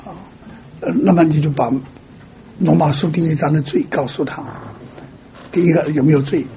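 A man with a slightly high voice counsels a caller in a patient, teaching way. He lays out each point slowly and keeps softly checking in. The sound is muffled and lo-fi. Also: fairly even intonation, a little hiss or hum. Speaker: pastor answering a caller. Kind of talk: pastoral counseling.

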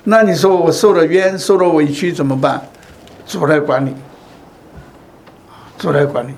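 Slightly high-voiced man preaching. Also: normal speed, gravelly, slight background noise. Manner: repeats phrases, asks rhetorical questions. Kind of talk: sermon.

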